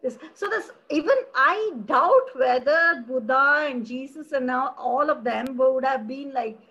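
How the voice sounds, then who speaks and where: A middle-aged woman from India talks about her work as a philosophy professor with open passion. Her voice sits high and slightly husky. She is expressive and animated, and she often restarts her sentences. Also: unhurried, highs cut off. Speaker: philosophy professor, interview guest. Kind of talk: passionate conversational interview.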